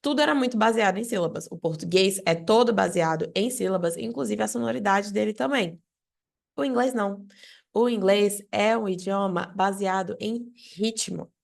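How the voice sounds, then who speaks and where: Brief: Brazilian woman teacher, close mic, a bit of vocal fry, direct and lively to camera. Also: medium pitch, normal speed. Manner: explains directly to viewer, lively questions. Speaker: English teacher. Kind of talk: online language lesson.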